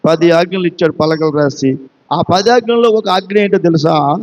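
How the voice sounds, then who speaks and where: A man's voice: on the high side, normal speed, long reverb tail, muffled recording. A man with a Telugu accent preaching a sermon, emphatic and repeating phrases, asking his listeners question after question. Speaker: pastor.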